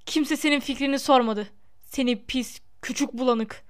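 A sneering, self-satisfied schoolboy, as a woman narrator puts him on, drawling mockery in a storybook reading. The tone stays smooth and very clear, set a touch lower than her own. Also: normal speed, fairly bright tone. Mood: spiteful. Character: smug sneering schoolboy rival.

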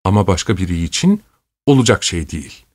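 Brief: a lilting young woman, tender and teasing, sulky at moments, raised up from a man's low voice, dry storybook read. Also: sing-song, fairly quick, dry recording. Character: sweet, playful young woman in love.

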